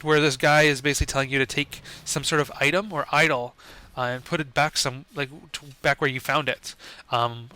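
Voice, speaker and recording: Man, young adult, casual gameplay commentary, rambling, filler-heavy, bright tense voice. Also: mid-range voice, fairly even intonation, fairly quick, smooth.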